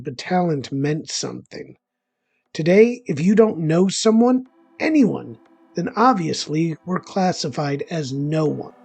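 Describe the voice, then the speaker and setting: A male actor performs a conversational dramatic monologue as a bitter, self-deprecating loner, rambling through defensive, resentful asides. His gravelly voice is on the high side, a little mellow, and exaggerated.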